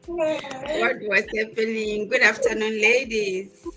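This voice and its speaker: A woman's voice: on the high side, takes it slowly. Upbeat woman hosting a live stream. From Botswana. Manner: upbeat, laughs easily, formal greetings. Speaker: host. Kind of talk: live-stream video chat.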